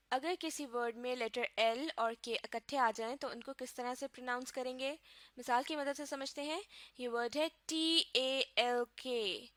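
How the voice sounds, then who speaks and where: A woman from Pakistan teaching a recorded lesson, her voice sitting a little high. She explains slowly and carefully, spelling words out letter by letter. The sound is dry, with no room around it. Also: fairly bright tone, dry recording.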